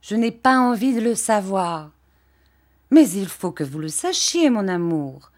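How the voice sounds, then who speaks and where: A woman voicing a patient young husband who pleads gently and earnestly in an audiobook reading. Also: mid-range voice, big pitch swings, unhurried.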